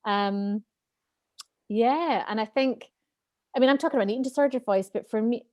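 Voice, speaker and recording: Woman wellbeing guest, higher voice, earnest and candid, dry close sound. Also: moderate pace, dry recording. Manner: earnest, open, animated. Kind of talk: candid interview talk.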